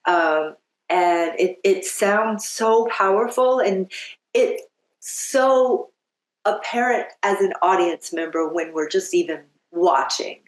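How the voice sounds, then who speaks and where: A woman's voice: on the low side, lively intonation, slow pace. A woman hosting an interview, talking earnestly and thinking aloud. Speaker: host. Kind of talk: casual interview chat. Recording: echoey room.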